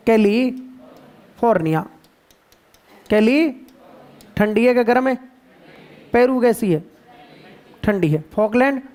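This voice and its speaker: A man with a Rajasthani Hindi accent teaching geography to a class, playful and quizzing students with drawn-out repetitions. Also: high-pitched, a little mellow. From India. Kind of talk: classroom lecture.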